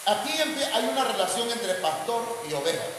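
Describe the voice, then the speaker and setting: Man, Mexican Spanish accent, pastor's sermon, higher voice, booming church reverb, faint room hum. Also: big pitch swings, a little fast. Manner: addresses congregation as hermanos, frequent amén and fillers. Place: church hall. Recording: very echoey church hall with long reverb.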